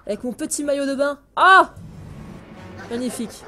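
A woman with a bright, high voice talks through her game in a loose, chatty way, gushing and exclaiming freely. She turns aside now and then to chat to her cat, recorded close on a headset at home. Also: expressive, moderate pace, faint music behind. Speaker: let's play gamer. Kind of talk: casual gameplay commentary. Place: home room, indoors.

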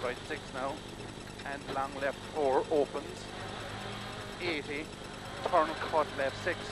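Casting: male rally co-driver, clipped pace-note delivery, even pitch, recorded in-car under heavy engine din. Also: slow. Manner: terse, clipped calls of directions and numbers. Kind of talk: rapid rally pace notes. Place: inside a rally car at speed on country lanes. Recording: very loud car engine noise. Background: loud engine and vehicle noise.

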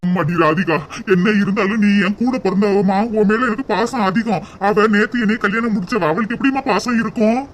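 Mushy pleading cartoon big bro, faint noise behind. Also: male voice, high-pitched, a little fast, hardly any pauses, fairly bright tone. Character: soft-hearted sentimental elder brother.

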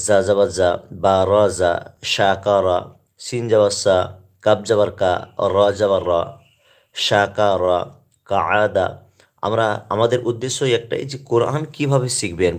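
A man teaching Quran reading, reciting Arabic letters and syllables one by one in a slow, deliberate way, then calmly explaining to viewers. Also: on the low side.

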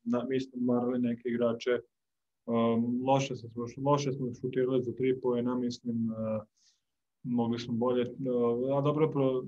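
Low-key young man, flat and mellow. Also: unhurried, dull audio, slight background noise. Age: young adult. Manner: calm, low-key, searching for words. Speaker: basketball player. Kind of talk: postgame press conference answers. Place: press room before a sponsor backdrop.

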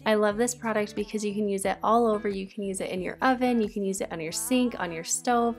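Woman, 30s, friendly cleaning-vlog voice-over, mid pitch, faint music bed. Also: steady tone, fast talker. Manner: chatty, asks viewers for advice. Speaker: cleaning vlogger. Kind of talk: casual voice-over narration. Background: faint background music.

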